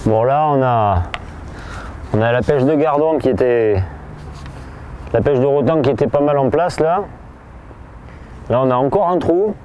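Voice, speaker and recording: A man commenting casually while fishing at a pond, relaxed and hesitant, often restarting his sentences. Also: mid-range voice, measured pace, pauses often, a little hiss or hum. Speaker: fishing angler presenter. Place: outdoors by a pond.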